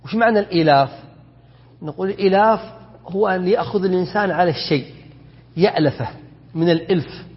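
A husky man teaches a lesson on Quran commentary. He explains step by step, asks his students questions and corrects himself mid-word. His voice rings through a large hall on a dull, lo-fi recording. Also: high-pitched, fast, pauses often. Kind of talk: classroom tafsir lesson. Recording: dull lo-fi sound with long hall reverb.

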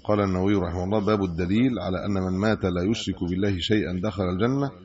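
A man's voice: deep voice, steady tone, racing, a little mellow. A middle-aged man with an Egyptian accent, a sheikh teaching hadith commentary, who reads the texts aloud and then explains them in colloquial asides. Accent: Egyptian Arabic. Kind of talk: religious lesson reading and explaining hadith. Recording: dull lo-fi lecture recording.

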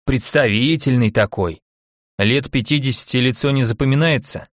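A man's voice: mid-range voice, moderate pace, no echo, studio quality, close to an everyday voice. A man reading an audiobook, voicing a chatty, nosy old village woman who uses folksy exclamations. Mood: fussy.

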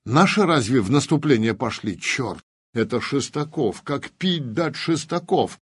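A man voicing a gruff male soldier exclaiming from a bunker in an audiobook. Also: mid-range voice, sing-song, unhurried.

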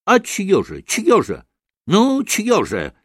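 A man voicing an irritable, dim young shop clerk who repeats himself slowly and doggedly. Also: sits high, wildly swooping pitch, breathy edge, dry recording, studio quality, voice pushed up, exaggerated voice. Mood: irritated. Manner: slow dogged repetition.

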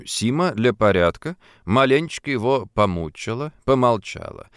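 A man narrating an audiobook in an expressive literary style. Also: mid-range voice, moderate pace, clean tone, no room sound, studio quality. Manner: vivid, storytelling delivery.

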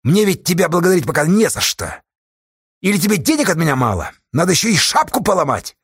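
A man's voice: sits high, big pitch swings, fast talker, husky, dry recording, studio quality, voice pushed up, full character voice. A man voicing a bold, stubborn young man who presses and challenges an older elder. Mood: resentful. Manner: pressing, defiant.

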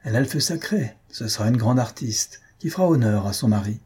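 A man's voice: medium pitch, animated, a little mellow, slightly rough. A man voicing a pompous, irritable old painter who blusters and flares up, in a comic audiobook. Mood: effusive. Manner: blustering, quick to anger. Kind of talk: audiobook reading of a comic story.

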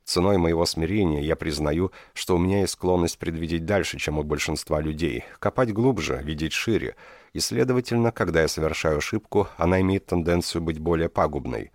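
Commanding divine prince read by a man, measured and authoritative, very deep voice, dry sound. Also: no room sound, natural voice.

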